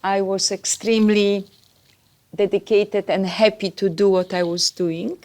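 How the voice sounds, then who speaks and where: A woman from Poland with a Polish accent, a podcast guest chatting about her life and career with pauses and fillers. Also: mid-range voice, flat delivery, darkish tone. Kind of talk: podcast interview.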